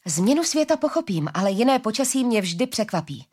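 A caring young woman guard speaks earnestly and insistently, a little brighter than the narration, as a woman narrator plays her. She sounds firm and warm-hearted in a storybook reading. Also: on the high side, expressive, pitched above the performer's own voice.

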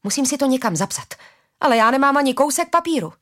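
Excitable curious man, scholarly and eager, read by a woman narrator. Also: on the high side, natural voice. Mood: excited.

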